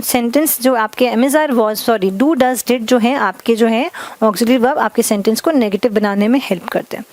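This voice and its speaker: A woman teaching grammar in Hindi. She dictates example sentences slowly word by word and keeps checking in with "ठीक है". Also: a little high, a little mellow, dry recording. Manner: addresses viewers as "guys", repeats "ठीक है" often. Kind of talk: classroom grammar lesson.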